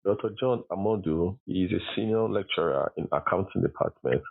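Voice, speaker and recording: Young male podcast host, deep voice, formal read, muffled lo-fi sound. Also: brisk, gravelly. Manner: formal, reads a prepared introduction. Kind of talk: scripted introduction and interview questions.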